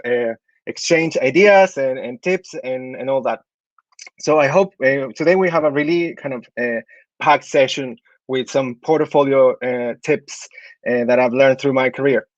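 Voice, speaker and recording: A Chilean architect in his thirties gives portfolio tips during an online talk with slide review, hesitating, using many fillers and restarting often. His voice is medium-pitched, with no room sound and the highs cut off.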